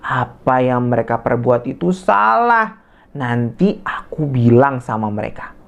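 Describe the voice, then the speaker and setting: A woman voicing a kind young girl who comforts her friend in a children's story, speaking gently and soothingly. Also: medium pitch, lively intonation, takes it slowly, voice pushed up. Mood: comforting. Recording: slightly muffled lo-fi audio.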